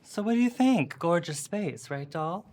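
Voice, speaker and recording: Woman playing a trendy podcaster, gushing, airy, full of "like", very low voice. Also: lively intonation, a little slow, background noise. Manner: gushing, airy, valley-girl filler "like". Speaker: podcast co-host. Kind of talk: comedy sketch.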